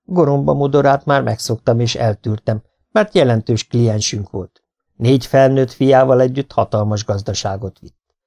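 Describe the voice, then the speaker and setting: Calm male audiobook narrator. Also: mid-range voice, creaky, no room sound. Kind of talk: scripted first-person narration.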